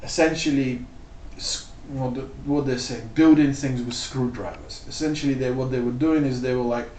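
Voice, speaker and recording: A man's voice: mid-range voice, normal speed, dark tone, slight background noise. Rambling man, roomy distant sound. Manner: loose and rambling, full of "like" and "you know". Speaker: vlogger. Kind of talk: casual spoken commentary.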